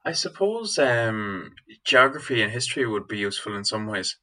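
A man's voice: fairly low pitch, very animated, moderate pace, sharp tone. A young man from Galway with a west of Ireland accent, answering interview questions as a student guest in a hesitant, informal way. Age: young adult.

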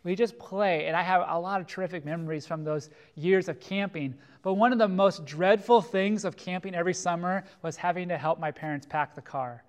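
A pastor preaching with a high, light male voice. He is a middle-aged man from California, earnest and deliberate, drawing out the words he wants to land. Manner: earnest, slows down to stress key phrases. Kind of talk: sermon.

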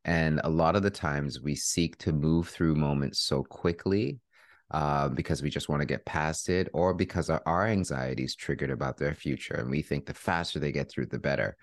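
A man as a parenting expert guest, explaining in a calm, measured way during an interview. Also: very deep voice, dry recording, studio quality. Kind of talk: interview answers.

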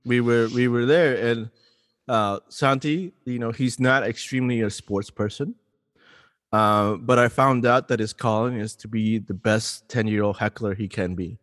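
A man co-hosting a casual podcast, an animated storyteller who rambles and restarts his sentences. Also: medium pitch, normal speed, dry recording, studio quality, long reverb tail. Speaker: podcast co-host.

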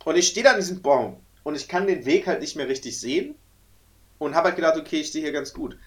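A man's voice: a little high, quick pace. A man from Germany telling a story in a casual podcast chat, acting out the voices in it. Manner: animated, acts out voices in his stories.

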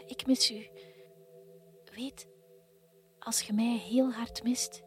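Brief: whispered role-play, a woman playing a gentle lost kingfisher love, soft music under it. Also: fairly high pitch. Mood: farewell. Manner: tender, soft, consoling. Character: departed female kingfisher, gentle and loving.

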